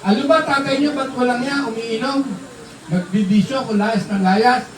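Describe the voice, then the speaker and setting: A man preaching a sermon, calling out to the congregation, joking, and shouting at the high points. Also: moderate pace, noisy background. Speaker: bishop preaching. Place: large hall with a congregation. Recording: echoey hall from far off, crowd.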